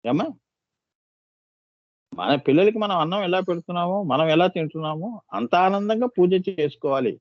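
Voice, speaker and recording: A man's voice: high voice, expressive, a little fast, long pauses, no echo, highs cut off. A man delivering a devotional discourse as a spiritual teacher, pressing listeners with rhetorical questions, coaxing and scolding.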